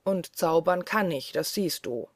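A woman's voice: lowish voice, animated, measured pace, dry recording, clean studio sound. A woman reading the lines of a huge, greedy and sly male forest giant who mocks and boasts. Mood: boastful. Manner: mocking, boastful.

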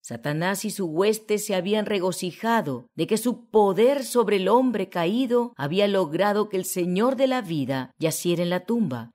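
A woman narrating a religious audiobook in a solemn, measured way. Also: mid-range voice, expressive, a little mellow.

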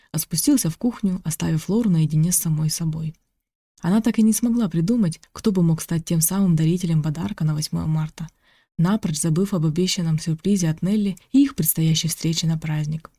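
A narrator reading a novel aloud in an audiobook at a steady, even pace. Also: mid-range voice, a little fast, dry recording, studio quality. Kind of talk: scripted narration.

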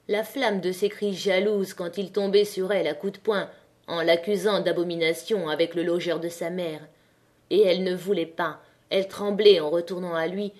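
A woman narrating an audiobook of a classic novel with a measured, expressive reading. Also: on the low side.

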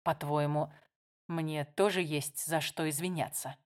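A woman's voice: deep voice, fairly even intonation, measured pace, voice pushed down. A woman reading a novel aloud, voicing a tired, defensive older sister. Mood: bitter. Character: weary married woman, guarded older sister.

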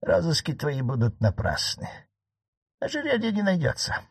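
A man reading an audiobook, voicing a calm, gently mocking elderly aristocratic aunt, a marquise. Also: fairly high pitch, normal speed, gravelly, husky, no echo, studio quality, pitched above the performer's own voice, heavily acted. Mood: calmly certain.

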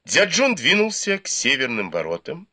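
A man reading a novel aloud in measured, scripted narration. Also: a little high, wildly swooping pitch, sharp tone. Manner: measured storytelling. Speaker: audiobook reader.

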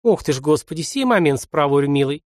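A man's voice: on the high side, expressive, fairly quick, darkish tone, dry recording, clean studio sound, lightly acted. A man reading aloud and voicing a tearful, fussing old village grandmother with a folksy, doting way of talking.

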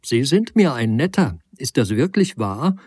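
Male reader doing playful hostess, raised pitch, mellow husky tone. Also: big pitch swings, measured pace, no room sound, studio quality. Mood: teasing. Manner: teasing, bubbly. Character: lively chatty hostess, teasing woman.

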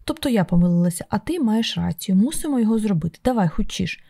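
A woman's voice: mid-range voice, expressive, fast, vocal fry, mellow, dry recording. A woman voicing a tired young mother, close to her own reading voice, in an audiobook. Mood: stern. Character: tired young mother, frazzled but tender.

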